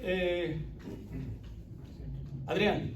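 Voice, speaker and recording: Pastor de voz aguda en sala con eco. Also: male voice, high voice, extremely slow, reverberant, recorded from a distance, noisy background. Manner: animated, mixes English phrases, quizzes the group. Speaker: pastor leading a Bible study. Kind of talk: interactive sermon.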